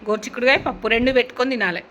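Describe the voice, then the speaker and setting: A woman's voice: fairly high pitch, rapid-fire, a bit bright, a little hiss or hum. A woman, teasing and coaxing a kid after a prank, pressing him with questions. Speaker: prank vlogger. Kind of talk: casual teasing chat.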